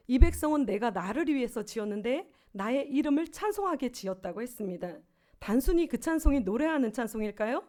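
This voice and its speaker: A woman's voice: a little high, a little mellow. Earnest Korean woman pastor in her fifties. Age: 50s. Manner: earnest, personal storytelling with rhetorical questions. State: swollen tonsils. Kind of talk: sermon.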